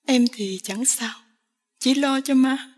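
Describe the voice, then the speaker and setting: A woman voicing a tearful young village woman pleading with the man she loves, with a slow, breathy delivery. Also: sits high, darkish tone. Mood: sad tearful.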